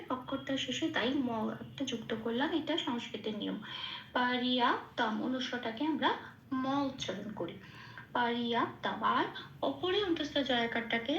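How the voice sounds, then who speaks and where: A woman teaching recitation pronunciation step by step, breaking words into syllables slowly and thinking aloud with soft fillers. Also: sits high, reverberant, muffled recording, a little hiss or hum. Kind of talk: patient step-by-step pronunciation lesson.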